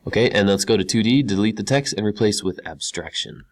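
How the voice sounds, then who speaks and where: Low-voiced man narrating a screen tutorial. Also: a little fast. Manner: casual, talks through each step as he does it; repeats key words for emphasis. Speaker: computer science teacher. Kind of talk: screen-recorded tutorial walkthrough.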